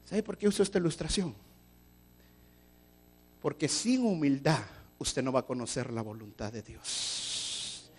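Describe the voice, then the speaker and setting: A man preaching a sermon as pastor, emphatic and building to loud, shouted points. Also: medium pitch, measured pace, pauses often, husky.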